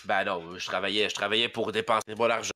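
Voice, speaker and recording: A fast-talking young man from rural Quebec has a fairly low, steady, pushed and bright voice, with a little hiss or hum audible. Congested from a head cold, he uses a Québécois French accent as a podcast guest in casual chat, rambling hesitantly and filling it with many fillers.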